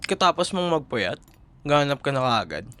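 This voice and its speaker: In an intimate audio roleplay, a Filipino-accented young man voices a college boyfriend who is caring but exasperated. He switches casually between Tagalog and English, concerned and earnest as he coaxes, in a very animated, sharp-toned mid-range voice at normal speed.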